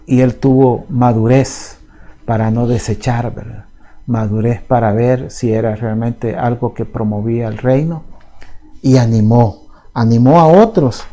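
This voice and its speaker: A pastor preaches in a soft, conversational tone. His voice is mellow and dark at a middle pitch. He keeps checking in with his listeners and restarts phrases as he hunts for words. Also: low-quality recording. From El Salvador. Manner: soft-spoken, conversational, often asks "¿verdad?"; restarts and repeats words as he searches for them. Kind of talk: sermon.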